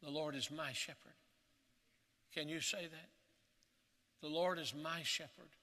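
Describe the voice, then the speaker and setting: A man, the pastor, preaching a sermon at a pulpit microphone in an earnest, measured way, often dropping to a soft, hushed voice. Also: fairly high pitch, fairly even intonation, long reverb tail.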